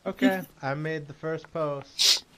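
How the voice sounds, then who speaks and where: A man's voice: fairly high pitch, steady tone, takes it slowly, sharp tone, slight background noise. A young man streaming and chatting casually with friends over voice chat, joking and playfully indignant.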